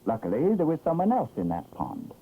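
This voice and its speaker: A vintage cartoon narrator tells a children's tale with theatrical expression. The pitch swings widely from phrase to phrase. The sound is an old, tinny film track with faint noise. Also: wildly swooping pitch, brisk. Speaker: storyteller narrator.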